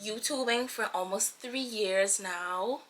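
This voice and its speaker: Faint music plays behind a woman talking slowly in a medium-pitched, slightly bright voice. She's a twenty-seven-year-old Bahamian vlogger and YouTuber chatting casually with viewers, playful, effusive and slangy.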